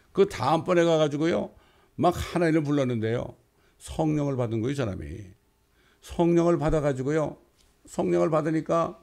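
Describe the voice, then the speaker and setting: A male pastor delivering a sermon, telling stories and rising into loud quoted passages. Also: on the high side, creaky. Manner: storytelling preacher, bursts into loud quoted lines.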